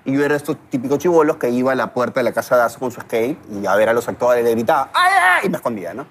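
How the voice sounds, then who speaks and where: A man, a guest in a casual chat, telling animated stories and acting out what people said. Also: mid-range voice, very fast. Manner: animated storyteller, acts out quotes.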